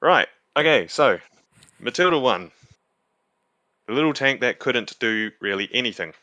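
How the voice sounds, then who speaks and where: A man's voice: mid-range voice, animated, unhurried, bright, forceful tone, dry recording. A man presenting on a podcast in casual, loosely phrased explanatory chat.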